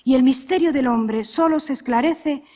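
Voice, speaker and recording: A middle-aged woman, a religious sister, giving a measured, earnest spiritual talk full of reflective questions. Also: sits high, darkish tone.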